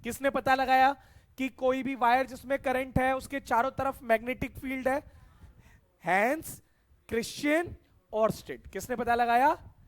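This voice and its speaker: A man's voice: extremely high pitch, steady tone, moderate pace. A middle-aged man teaching a science class, asking his students questions and repeating the key answers back to them.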